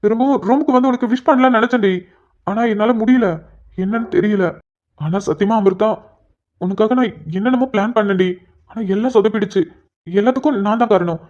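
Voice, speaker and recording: A shy, tender young husband from a cartoon story, voiced by a woman. He talks softly, apologizes earnestly, then teases his wife with gentle affection. The recording is dull and lo-fi, and the pitch sits in a middle range. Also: close to an everyday voice. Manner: soft, apologetic then playfully teasing. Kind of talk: cartoon dialogue voice acting.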